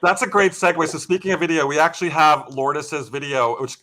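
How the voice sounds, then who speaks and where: A man hosting a live paranormal stream, upbeat and halting with small restarts. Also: a little high, fairly even intonation, crowd noise. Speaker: host.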